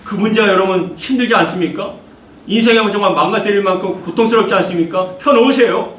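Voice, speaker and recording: Male pastor, fervent sermon, high voice, echoey church hall, distant mic. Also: quick pace, a bit bright. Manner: fervent preaching, repeating phrases, leading congregation in reading. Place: church sanctuary.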